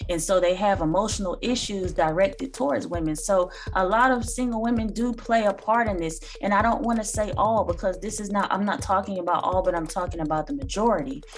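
A woman's voice: medium pitch, fairly quick, few pauses. A woman in her thirties, host of a reaction channel, giving earnest, lecturing commentary with occasional ums, recorded indoors on a phone or webcam. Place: small room indoors.

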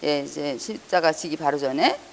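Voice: medium pitch, moderate pace, creaky. A pastor giving an earnest Sunday sermon, hesitating and correcting himself often, raising the voice when reading scripture. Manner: frequent hesitations and self-corrections. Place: church hall. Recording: long church hall reverb.

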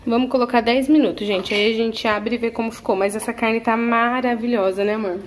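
This channel host, a young Brazilian woman, speaks briskly in a slightly high voice with fairly even intonation, and a bit of hiss or hum is audible. In her home kitchen she films her husband cooking, chatting with viewers and encouraging and nudging him along.

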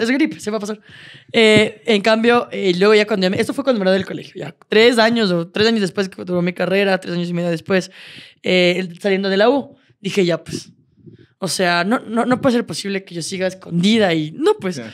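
A woman, co-hosting a podcast and telling personal stories in a lively, laughing, swear-sprinkled way. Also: mid-range voice, a little fast. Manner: lively, laughs often, swears casually, many restarts. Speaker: podcast co-host. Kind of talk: casual storytelling chat.

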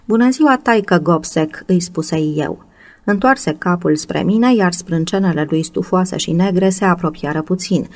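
A woman narrating a classic novel as an audiobook, reading slowly and in a measured way. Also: on the low side, a little mellow, no echo. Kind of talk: scripted narration.

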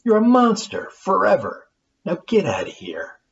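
Mean sisters sneer down at their victim, as a man reads them aloud. The voice jumps high and then drops low, full of mockery. The recording is slightly muffled with faint hiss. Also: huge pitch swings, measured pace, gravelly, distant mic, heavily acted. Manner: sneering and cruel. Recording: dull lo-fi with faint noise.

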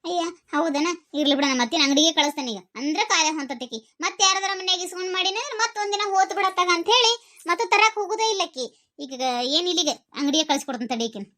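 A woman with a North Karnataka Kannada accent voicing a calm, motherly village neighbour who talks in a soothing, steady way. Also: extremely high pitch, fast. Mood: chatty.

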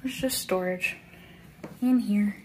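A woman in a casual, rambling home tour, filmed handheld in a new house, tired after moving. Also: takes it slowly. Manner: chatty, rambling, coos at her pets in a high baby voice. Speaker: vlogger giving a home tour. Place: inside a newly moved-into house. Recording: noisy home recording.

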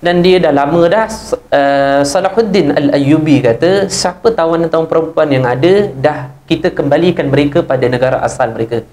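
A man with a Malaysian Malay accent giving a religious lecture, telling stories and acting out the characters' lines with a raised voice. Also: fairly quick. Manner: lively storyteller, acts out characters' lines with raised pitch. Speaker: religious teacher. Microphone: wireless lapel mic.

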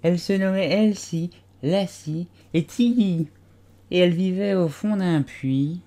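A man voicing a sleepy male dormouse in a storybook, with a faint, hoarse voice and a slow, drawn-out way of talking. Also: sits high, mellow, voice pushed up. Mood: drowsy. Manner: drowsy, drawn-out.

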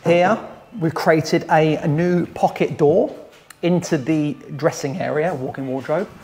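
A mellow, fairly high-voiced man in his thirties, a site manager for a renovation company, gives a casual tour of an empty house being renovated. Briskly and matter-of-factly, he lists the work item by item as he moves through bare plastered rooms. A wide-angle camera carried by someone else picks him up from a few meters away.

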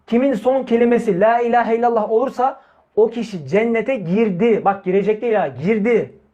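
With a very high voice and a quick pace, a male Islamic preacher gives an emphatic, informal talk, repeating key phrases and asking rhetorical questions of the brothers he addresses. The audio sounds dull.

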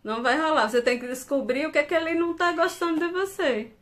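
A woman's voice: high-pitched, fast talker, fairly bright tone. A woman hosting a casual live stream from home, reading viewer comments aloud and laughing often.

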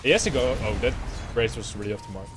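A man's voice: mid-range voice, animated, fast talker, over music. Dutch-accented man casting a game. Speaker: esports caster. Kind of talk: play-by-play commentary.

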